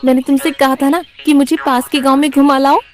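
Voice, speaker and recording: A woman's voice: high voice, steady tone, a little fast, faint music behind, pitched above the performer's own voice, close to an everyday voice. Woman playing a snappish, mocking cartoon wife. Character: impatient, mocking wife of a schemer.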